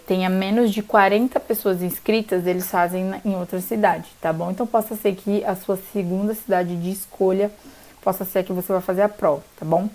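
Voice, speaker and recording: A woman's voice: medium pitch, darkish tone. A young woman from São Paulo, explaining exam rules in a chatty vlog and often checking in with "tá bom?". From Brazil, São Paulo state. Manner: chatty, peppers sentences with "tá bom?". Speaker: law graduate explaining bar exam rules.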